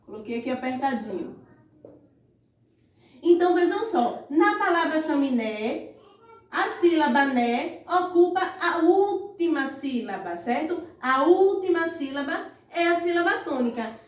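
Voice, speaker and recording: Recorded from a distance in an echoey room, a woman with a very high, animated voice runs an online primary school lesson. Words come out slow and stretched syllable by syllable, and she often nudges pupils to look with little calls of "ó" and "vejam só".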